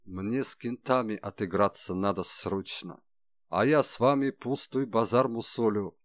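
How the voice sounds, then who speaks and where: A man doing a gruff, sullen old crime boss. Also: on the low side, a little slow, no echo, studio quality, lightly acted. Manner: grumbling, crude slang.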